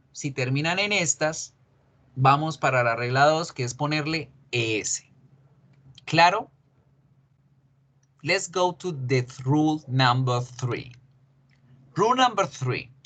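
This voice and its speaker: A man teaching an English grammar lesson, explaining slowly and repeating each example. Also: on the high side, fairly bright tone. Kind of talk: recorded online grammar lesson.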